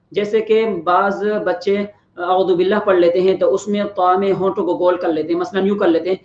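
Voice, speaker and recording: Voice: mid-range voice, darkish tone. A tajweed teacher giving a Quran pronunciation lesson, patiently explaining and stretching out each letter sound to demonstrate it. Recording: roomy, slightly dull lo-fi recording.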